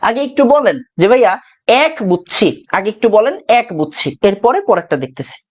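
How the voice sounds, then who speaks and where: A man's voice: sits high, very animated, quick pace. A male chemistry teacher, giving an exam-prep lecture. He repeats key phrases over and over, asking questions and answering them himself. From Bangladesh.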